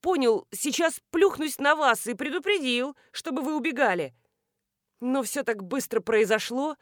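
Woman reading a calm middle-aged professor guy, hurt leg, matter-of-fact, slightly high, dry close mic. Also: normal speed, no echo. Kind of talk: audiobook character reading.

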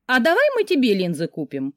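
A woman's voice: fairly high pitch, wildly swooping pitch, a little fast, dry recording, studio quality. A woman reading an audiobook, voicing a cheerful, bossy young woman friend who teases. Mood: teasing. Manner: teasing, bubbly.

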